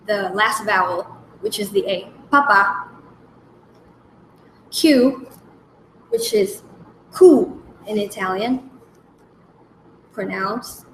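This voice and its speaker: A woman hosting a language lesson, slowly naming each letter and repeating example words with care. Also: mid-range voice, slight background noise. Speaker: language segment host. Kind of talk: slow, careful alphabet lesson. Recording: echoey room with faint background ambience.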